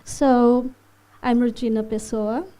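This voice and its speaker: Presenting her masterclass in the festival hall, the Portuguese animation filmmaker sounds high-pitched, dark and flat. She talks slowly and haltingly to the audience, using lots of fillers and non-native phrasing.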